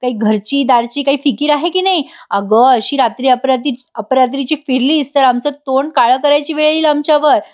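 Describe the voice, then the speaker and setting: A woman voicing a sharp-tongued, nagging middle-aged aunt who scolds and complains in a drawn-out way while retelling a TV serial scene. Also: high voice, lightly acted. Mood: scolding.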